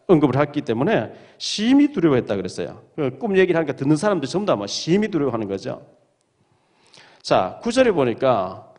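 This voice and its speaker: Male pastor giving a sermon, kinda high voice that jumps all over the place, acts out the bible stories. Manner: lively preaching, reading verses aloud and retelling them dramatically. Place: church sanctuary.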